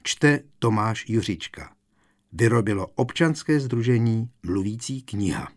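A man's voice: fairly low pitch, animated. A man reading the opening credits of an audiobook in a formal announcing manner.

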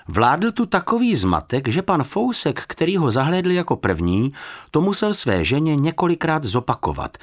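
A man narrating an audiobook in an expressive, animated reading style. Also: mid-range voice.

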